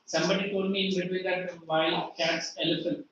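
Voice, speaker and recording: A man's voice: high voice, flat delivery, normal speed, heavy background noise. A man with an Indian English accent teaching a class, quizzing his students and mixing in Hindi phrases. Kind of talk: classroom lecture. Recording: echoey room, distant mic, dull sound.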